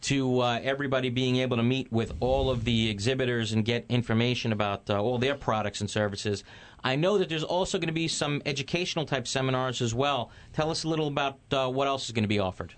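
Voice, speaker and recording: A man speaks as the host of a radio talk show. His voice is mid-pitched, and he addresses listeners and guests in a conversational broadcast style. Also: quick pace.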